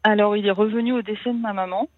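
Woman radio caller on a thin phone line, halting and emotional, dry sound. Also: mid-range voice, steady tone, no echo. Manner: hesitant, halting, many restarts.

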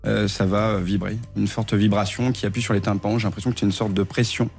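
A man's voice: fairly low pitch, flat delivery, fast talker, vocal fry, a little mellow, faint music behind. A man giving a hesitant personal account as a guest on a show. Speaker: guest telling of his own problem.

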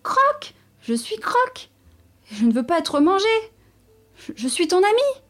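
A woman doing a squeaky panicked young squirrel. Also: big pitch swings, a little slow, a bit bright, soft background music, full character voice. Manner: high, stammering, panicked. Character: small excitable male squirrel, frightened.

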